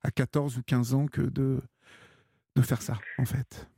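A man hosting a radio call-in show who talks haltingly, with many fillers and repeated words. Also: mid-range voice, level tone, vocal fry, dark tone, slight background noise. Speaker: radio host.

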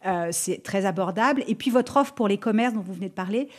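A woman working as a business advisor, giving clear, structured feedback on a radio show. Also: mid-range voice. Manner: clear, structured, quick to laugh.

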